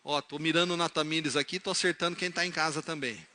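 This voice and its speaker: A man from the São preaching in a church, his voice high-pitched and bright. He moves from soft, low storytelling into loud, emphatic calls to his listeners. He acts out the characters in his stories as he goes. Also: steady tone, fast, slight background noise. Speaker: pastor. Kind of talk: sermon with illustrative stories. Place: church service, live-streamed.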